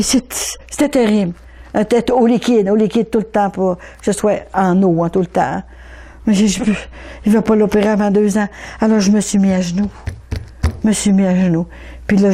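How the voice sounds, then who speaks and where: Warm-voiced older Québécois woman. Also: mid-range voice. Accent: Québécois French. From Quebec. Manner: animated, repeats words, stammers in rushes. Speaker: speaker giving religious testimony. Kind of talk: emotional personal testimony.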